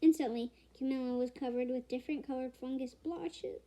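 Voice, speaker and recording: A woman reading a children's picture book aloud, expressive and emphatic, sometimes halting over words. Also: high voice. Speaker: storyteller.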